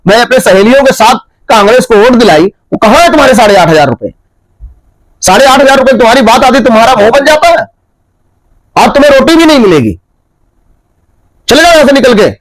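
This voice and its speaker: A man's voice: very high-pitched, animated, brisk, pauses often, rough recording. A man voicing an angry scolding housewife. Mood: furious scolding. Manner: shouting scolding rant.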